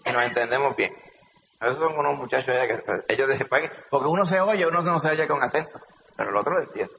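Forceful Puerto Rican pastor preaching. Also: male voice, mid-range voice, fast talker, gravelly, a little hiss or hum. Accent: Puerto Rican Spanish. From Puerto Rico. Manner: animated preaching, rhetorical questions, calls listeners "hermano". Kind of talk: sermon. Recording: echoey hall, slightly dull sound.

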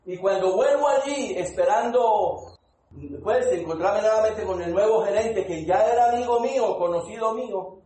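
A man preaching a testimony sermon, emphatic, slowing down to stress his points and calling out to the congregation. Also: sits high, dark tone, reverberant, low-quality recording. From Colombia. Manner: calls out to congregation.

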